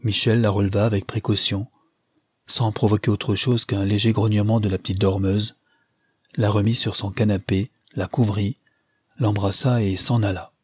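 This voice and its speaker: A man narrating a classic novel in a steady, measured reading. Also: on the low side, husky, dry recording, clean studio sound. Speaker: audiobook narrator.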